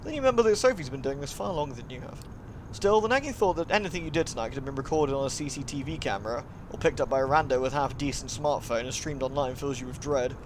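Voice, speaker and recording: Against a noisy background, a man streams a visual novel live at a quick pace and a medium pitch. He dramatizes the narration as he reads it and breaks off for playful chatter with his audience.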